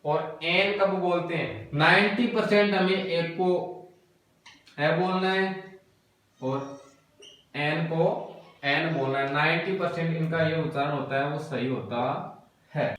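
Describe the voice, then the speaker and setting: A man's voice: fairly high pitch, slow pace, pauses often, a bit bright. A man teaches at a board, and his raised voice rings through a bare room as he stands some way from the mic. He explains in small steps and keeps asking questions that he then answers himself. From India. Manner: explains step by step, repeats key words and asks himself questions. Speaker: English teacher. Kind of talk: classroom lesson explanation. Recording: very echoey room, voice from a distance.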